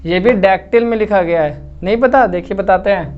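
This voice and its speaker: A man's voice: high voice, a little fast, highs cut off, a little hiss or hum. A man teaching literature in a lecture video, explaining step by step and often checking that students follow. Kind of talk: classroom-style lecture video.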